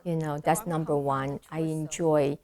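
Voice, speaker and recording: A woman's voice: low-pitched, flat delivery, unhurried, a little mellow. A middle-aged woman from Taiwan, a choreographer and dancer, answering interview questions thoughtfully with many fillers and restarts. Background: music.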